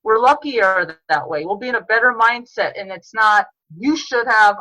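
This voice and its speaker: A woman guest on a podcast interview speaks with a bright, forceful tone at an ordinary pitch. She talks earnestly and reflectively, often restarting her phrases. The sound is dry and close, with no room echo. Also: brisk. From New York. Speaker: author guest.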